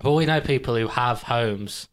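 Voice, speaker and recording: A man's voice: medium pitch, moderate pace. A young man, co-hosting a casual chat and rambling, swearing and laughing as he goes. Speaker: podcast co-host.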